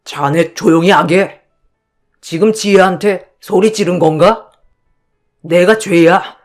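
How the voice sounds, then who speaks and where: A humble older father, voiced by a woman in a radio drama, soft-spoken and apologetic as he tries to calm everyone down. He speaks slowly and in a lower register than the other figures. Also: soft background music. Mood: placating.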